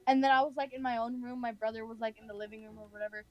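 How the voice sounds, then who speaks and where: Faint music plays behind a young American woman from California who races through a casual personal story, filling it with "like" as she rambles. Her voice is a little high and steady, and the recording's highs are cut off.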